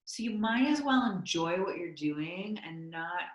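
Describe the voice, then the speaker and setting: Chatty woman guest, kinda low voice, says like a lot, echoey room. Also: lively intonation, measured pace, dull audio. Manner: candid, chatty, many likes. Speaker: guest, content creator. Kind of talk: podcast interview. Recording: roomy echo.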